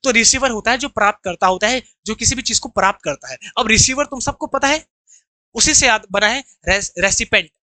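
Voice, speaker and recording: Indian man teaching vocabulary, bright voice, dry close sound, has students repeat words. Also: extremely high pitch, brisk, no room sound. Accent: Indian English. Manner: explains terms, has students repeat after him. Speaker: English teacher. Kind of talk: online vocabulary lesson.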